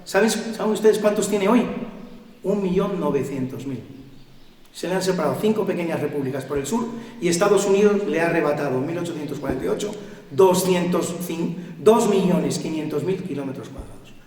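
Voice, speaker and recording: Middle-aged Spanish male lecturer, rhetorical and emphatic, high voice, very echoey hall. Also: expressive, fairly quick, darkish tone, distant mic. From Spain. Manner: emphatic, rhetorical questions to the audience. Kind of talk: public lecture to an audience. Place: cultural center hall.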